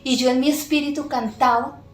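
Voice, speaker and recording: A fairly high-voiced middle-aged woman tells a personal faith testimony as a podcast guest. She speaks earnestly and emotionally, with frequent pauses and soft fillers. The room is echoey, and faint music sits behind her. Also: steady tone.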